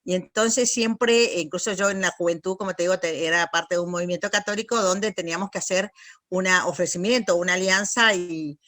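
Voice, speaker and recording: A woman's voice: lowish voice, brisk, a bit bright, no room sound, studio quality. A middle-aged Argentine woman answering interview questions in a thoughtful, reflective way, often checking in with short question tags. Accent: Argentine Spanish. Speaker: interview guest, lawyer and researcher.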